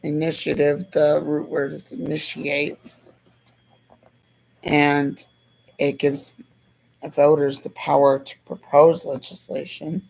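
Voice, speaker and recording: A hoarse speaker who is losing their voice, giving a casual, slow and thoughtful civics explanation that circles back over its points. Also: mid-range voice, completely flat delivery, darkish tone, rough recording.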